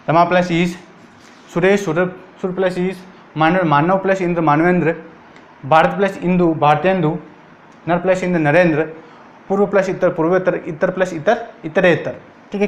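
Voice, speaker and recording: Guy teaching grammar, kinda high voice, keeps asking and answering himself. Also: fairly even intonation, normal speed. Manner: repetitive, asks and answers his own questions. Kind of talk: exam-prep grammar lesson.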